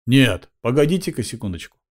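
A man's voice: medium pitch, very animated, a little fast, darkish tone. A man voicing a cocky, self-important middle-aged male street cop.

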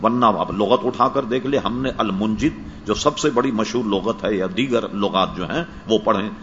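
A man's voice: fairly low pitch, fairly bright tone, a little hiss or hum. A male Islamic scholar answering questions in a study session, patiently explaining and correcting how words should be pronounced. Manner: patient, explanatory, checks understanding; corrects word pronunciation. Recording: dull lo-fi archive recording.

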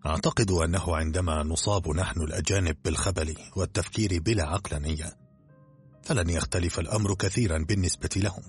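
A man's voice: sits low, breathy edge. A man voicing a curt, rational expedition doctor who trusts only science. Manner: curt, matter-of-fact.

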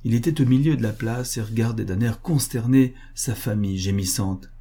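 A man narrating a classic story in a measured, even way. His voice sits low with a dark, mellow color and a slightly husky grain. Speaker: audiobook narrator. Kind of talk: scripted literary narration.

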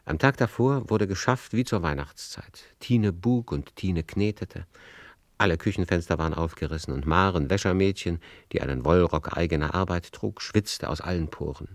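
This radio play narrator is a man with a deep voice, telling the story in a literary, measured and lyrical style. He's recorded close and dry, with no room sound at all.

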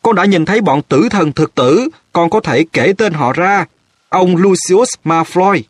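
A man voicing a desperate teenage boy wizard who shouts urgently in a husky voice. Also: on the high side, slow pace, dry recording, studio quality, voice pushed up.

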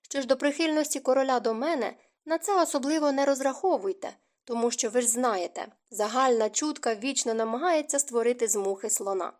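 A woman's voice: sits high, brisk, few pauses, darkish tone, natural voice. A woman voicing a wry young marquise. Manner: wry, curt. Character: young noblewoman, mocking and tired. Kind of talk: audiobook character reading.

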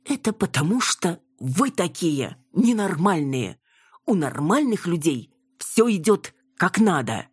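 A woman's voice: on the low side, sing-song, slow, breathy edge, no echo, clean studio sound, voice pushed up, exaggerated voice. A woman voicing an exasperated, impulsive young woman who exclaims in a raised voice.

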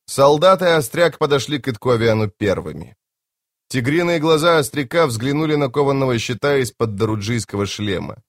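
A man narrating a fantasy audiobook with dramatic expression. His mid-pitched voice moves widely in pitch. The home recording is dry and close. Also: lively intonation, a little fast, dry recording.

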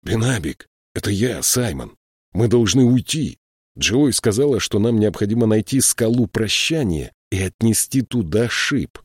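A desperate young man, as a male narrator puts him on in an audiobook, pressing and urgent. The voice is lifted a bit above the reader's own, lively and dry. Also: on the low side, moderate pace, slightly rough, no echo, voice pushed up.

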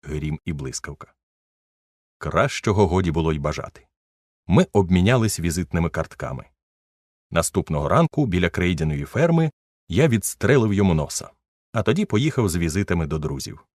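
A man narrating a story as an audiobook reader, with expressive, ironic storytelling. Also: deep voice, fairly quick, dry recording, clean studio sound. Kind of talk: scripted story reading.

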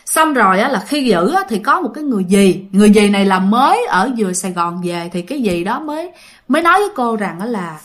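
A woman with an expressive, mid-range voice tells ghost stories at a quick pace. She keeps it casual and chatty, frequently speaking directly to her listeners.

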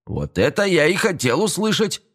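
A man voicing a cruel, mocking young male gang thug in an audiobook, with a high, sneering, taunting voice. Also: huge pitch swings, moderate pace, fairly bright tone, breathy edge, exaggerated voice. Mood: menacing.

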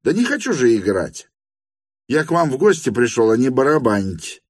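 A man reading an audiobook, voicing an irritable young male guest who shouts his complaints. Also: mid-range voice, very animated, moderate pace, slightly rough, dry recording, clean studio sound, pitched above the performer's own voice. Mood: exasperated. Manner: shouting, exasperated.

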